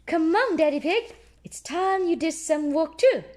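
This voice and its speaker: A woman voicing an excited, bossy little girl piglet who plays at being grown-up in a children's storybook. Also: very high-pitched, measured pace, pitched above the performer's own voice. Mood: bossy, playful. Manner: exclamatory, play-acting importance.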